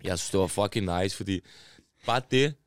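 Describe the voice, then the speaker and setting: A man's voice: low-pitched, smooth, no room sound, studio quality. A man from Denmark, a podcast guest, talking in slangy casual chat that he tags with "bro" and "ikke?".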